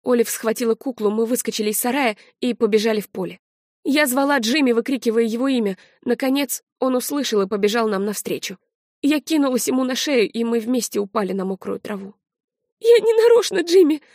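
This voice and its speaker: A woman narrating an audiobook in the first person with a measured, quietly tense delivery. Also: fairly high pitch, no room sound, studio quality.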